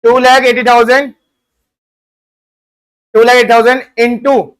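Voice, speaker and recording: A young man teaches an accounting class in a voice pitched very high for a man. He keeps questioning his students and answering them himself, mixing English accounting terms and figures into his speech. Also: little pitch movement, slow pace, fairly bright tone, clean tone. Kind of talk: classroom lesson.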